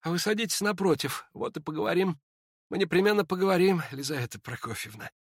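A man doing a hoarse, dying young man. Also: high voice, lively intonation, quick pace, no echo, clean studio sound, voice pushed up, heavily acted. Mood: quiet weary. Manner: quiet, hoarse, near-whispering. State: short of breath. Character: dying young man, feverish, calm and ironic.

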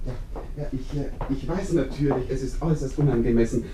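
An actor playing a chatty, overpolite village neighbor who rambles in effusive, ingratiating politeness, in a classic radio drama. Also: male voice, mid-range voice, a little fast, heavy background noise, close to an everyday voice. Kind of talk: 1950s-style radio drama acting.

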